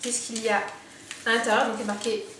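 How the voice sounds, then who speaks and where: A woman talking casually while she unboxes beauty products for her viewers, chatty and thinking aloud with many small pauses. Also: fairly high pitch, little pitch movement, a bit bright, far from the mic, a little hiss or hum. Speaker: beauty vlogger. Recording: very echoey room, voice set back from the mic.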